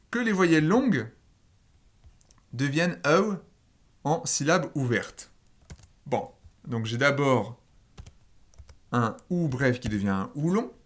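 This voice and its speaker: A man teaching a linguistics lesson in French. He walks through the rules step by step, with fillers and small asides. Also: fairly high pitch. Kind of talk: recorded screen lesson.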